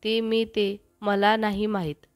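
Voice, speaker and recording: A woman's voice: mid-range voice, flat delivery, slow, dry recording, close to an everyday voice. Shy young woman, hesitant and pleading, read by a woman; dry sound.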